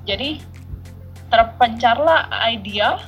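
Lively woman telling a childhood story. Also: fairly high pitch, slow, lo-fi sound, faint music behind. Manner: animated, laughs while telling stories. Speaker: podcast co-host. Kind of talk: casual storytelling chat.

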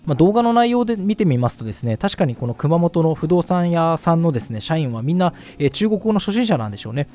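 A man's voice: fairly high pitch, sing-song, fast, few pauses, warm tone, soft background music. A man with Japanese as his first language, hosting a casual language-learning talk, chatty with many fillers and polite asides. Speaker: Chinese language course host. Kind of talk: casual explanatory monologue.

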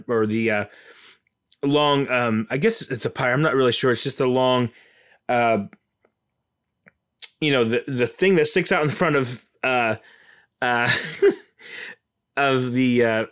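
A man's voice: medium pitch, smooth. A man giving a casual, enthusiastic and rambling recap of a film.

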